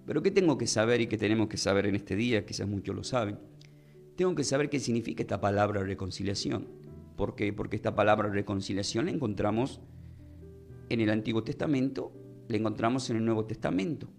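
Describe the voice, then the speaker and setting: A man teaching a Bible lesson in a sermon style. He speaks slowly and deliberately, spells out words and often asks the listeners questions. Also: on the low side, creaky, a little mellow, soft background music.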